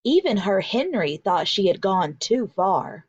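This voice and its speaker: A woman teacher reads a picture book aloud to young children, mixing deliberate, emphatic storytelling with instructional delivery. Her mid-range voice is husky and sing-song, in a dry, slightly dull recording.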